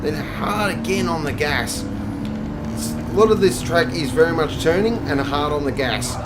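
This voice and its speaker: A man presenting a track guide for sim racing, explaining each part in a measured but enthusiastic way. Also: a little high, animated, loud music behind the voice.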